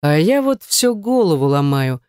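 A woman's voice: deep voice, normal speed, a little mellow, no room sound, natural voice. Brief: menacing young ex-boyfriend, icy, taunting, read by a woman narrator, audiobook, dry. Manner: icy, contemptuous, threatening.

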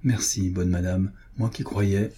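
A man's voice: deep voice, fairly even intonation, a little slow, warm tone, breathy edge. A man reading the part of a devout, tender young duchess, in a plaintive inward monologue from a storybook. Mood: weary gentle.

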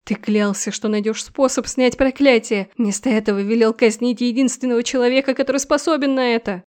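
A woman voicing a hysterical young mistress who talks in a shrill, accusing tone in a storybook reading. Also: fairly even intonation, a little fast, darkish tone, clean tone, close to an everyday voice.

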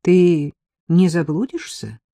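A woman reading the part of a timid young woman who hesitantly, apologetically asks a friend for a favor, in a soft, husky, dry voice. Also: deep voice, animated, moderate pace, no room sound.

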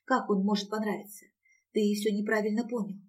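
A woman's voice: mid-range voice, steady tone, a little fast, a little mellow, breathy edge, distant mic, lightly acted. A woman reading an audiobook and voicing a frightened, weary young woman.

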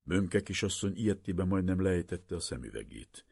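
Very deep-voiced man reading a story. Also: animated, vocal fry, a little mellow, husky, dry recording. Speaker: narrator.

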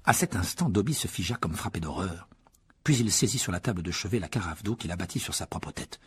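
A man narrating an audiobook with steady storytelling. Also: sits low, brisk, breathy edge.

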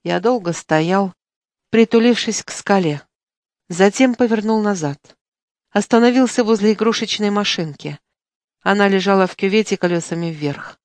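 A woman's voice: mid-range voice, normal speed, no echo. Woman reading an audiobook, dry studio sound. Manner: expressive, acts out dialogue. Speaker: audiobook reader. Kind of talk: audiobook narration. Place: recording studio. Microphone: studio microphone.

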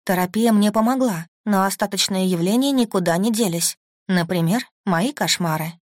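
A woman's voice: medium pitch, moderate pace, no echo, clean studio sound. Woman narrating an audiobook in first person.

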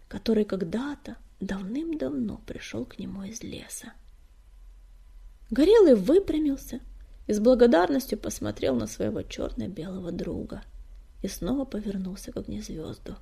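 A woman reading an audiobook aloud in a soft, breathy way that often sinks to a whisper. Her voice sits a little high but sounds dark, with a gravelly, husky texture. The telling stays close and gentle. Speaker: audiobook narrator. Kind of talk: audiobook narration.

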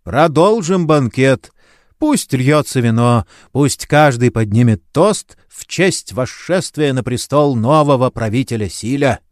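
Man doing a cornered rogue, loud, commanding; audiobook. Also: medium pitch, expressive, a little slow, no room sound, studio quality, lightly acted. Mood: urgent. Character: sly rogue adventurer, bold and cornered.

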